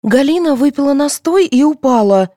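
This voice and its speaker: A scornful, brusque mother, put on by a woman, snapping in a high, lively voice. The sound is dry and close. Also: moderate pace, dry recording. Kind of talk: audiobook character voice.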